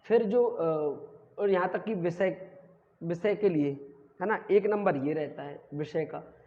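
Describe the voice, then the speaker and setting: A high-voiced man teaches a class at an unhurried pace, drawing out each word so students can repeat it. The sound is dull and lo-fi, with a long reverb trailing off the walls of the room. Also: mellow. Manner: slowly drills pronunciation, stretching each word; explains patiently with many fillers. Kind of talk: classroom lesson explanation.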